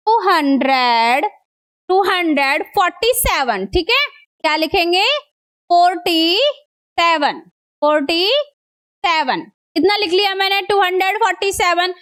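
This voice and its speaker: A woman with a very high voice teaches a math lesson in a coaxing classroom manner. She keeps asking her students the same questions again and again. She slows right down to spell out each number. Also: a bit bright.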